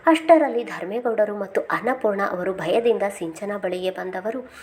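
A woman's voice: medium pitch, normal speed, a little mellow, slight background noise. A woman reading a family novel aloud as a storyteller, voicing every character's lines herself. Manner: reads every character's lines herself, lifting her voice on anxious questions. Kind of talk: scripted narration of a family novel.

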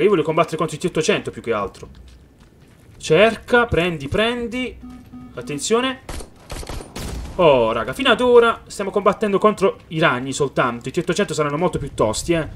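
Guy yelling through a shooter game, high-ish voice swinging up and down a lot, hyped. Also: a little hiss or hum. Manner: excited, calls viewers "raga" often; reads game dialogue aloud. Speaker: gaming youtuber. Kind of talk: let's play commentary.

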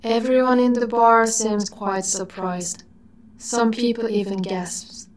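A woman giving scripted narration in a slow, dreamy way that sometimes drops to a whisper. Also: on the high side, fairly even intonation, rough recording.

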